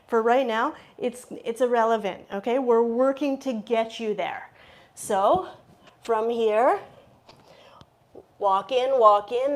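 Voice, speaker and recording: Woman yoga instructor, a touch high, unhurried; short repeated cues and frequent "okay?" check-ins. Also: darkish tone. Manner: cueing poses with short repeated commands. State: out of breath at times. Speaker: yoga teacher. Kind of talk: live yoga class instruction.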